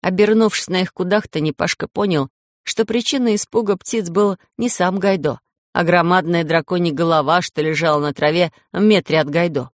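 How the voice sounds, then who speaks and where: A woman's voice: fairly low pitch, normal speed, no echo. A woman narrating a children's story expressively into a close mic. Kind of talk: audiobook narration.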